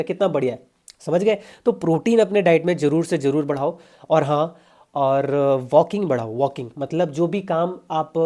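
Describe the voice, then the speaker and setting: A young fitness coach with a high-leaning, mellow voice gives casual diet advice straight to his viewers. He's chatty and pushy, calling them brother.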